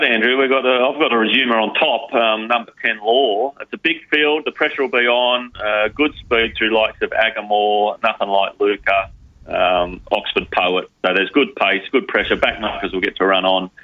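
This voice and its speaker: A man giving horse racing tips on a podcast, in punchy phrases full of numbers and names. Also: mid-range voice. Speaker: racing tipster. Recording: slightly muffled, lo-fi audio.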